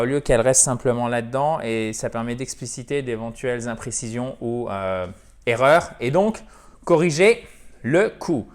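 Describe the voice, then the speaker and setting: A man giving an online English lesson, explaining slowly and checking in with "ok?". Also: medium pitch. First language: French. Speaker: English teacher.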